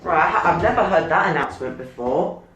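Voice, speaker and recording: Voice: mid-range voice, expressive, fast, a bit bright. Echoey, noisy casual vlogger. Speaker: vlogger touring lifts. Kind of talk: casual running commentary. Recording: echoey, noisy lift interiors. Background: lift ambience noise.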